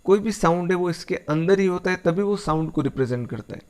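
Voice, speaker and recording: A man's voice: sits high, lively intonation, fairly quick, darkish tone, clean tone. Indian man explaining an English phonetics lesson. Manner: repetitive, patient explaining in Hindi mixed with English words. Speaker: English teacher. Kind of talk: classroom-style lesson.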